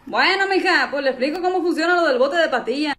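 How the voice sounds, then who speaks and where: A woman voicing a male genie on a budget, who talks in a folksy, drawn-out, playfully theatrical way. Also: high voice, fairly bright tone. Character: cheap male genie with a fake Mexican accent.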